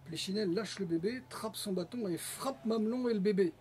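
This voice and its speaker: A man reading literary fiction aloud to an audience in a bookshop, telling the story with lively voices. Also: high-pitched, fairly quick, a little hiss or hum. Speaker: reader. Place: bookshop, indoors.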